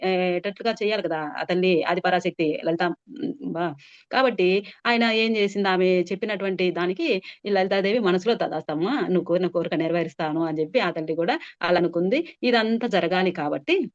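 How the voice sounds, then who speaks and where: Woman devotional storyteller, mid pitch, casual explaining tone, muffled and dry, no room sound. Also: no room sound. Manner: unhurried and chatty, explaining with many filler sounds. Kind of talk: conversational religious storytelling.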